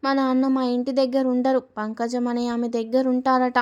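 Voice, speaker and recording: A woman's voice: high-pitched, completely flat delivery, normal speed, a little mellow, natural voice. A woman doing a timid, innocent young bride. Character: innocent young new daughter-in-law, timid.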